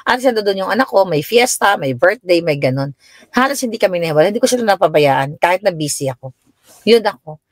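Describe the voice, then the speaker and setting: Telling stories about her grown children and answering viewers, a middle-aged woman from the Philippines chats casually on a live stream from her American home. Her pitch jumps higher when she quotes herself, and she talks expressively at a quick pace. The sound is clean studio audio with no echo.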